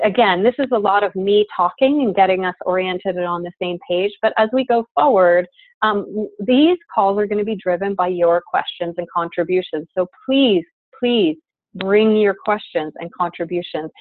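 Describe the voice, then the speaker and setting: On a video call, a woman with a medium-pitched voice facilitates an online course, speaking earnestly with lots of fillers like um and uh. The audio is dry and phone-like, with no echo.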